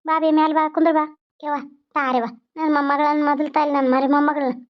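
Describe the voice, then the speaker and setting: A woman's voice: sits high, flat delivery, fast, natural voice. Woman voicing a soothing old grandmother. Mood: doting. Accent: North Karnataka Kannada. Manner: gentle, coaxing, repeats comforting words. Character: elderly grandmother, soothing and protective. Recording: dull lo-fi recording.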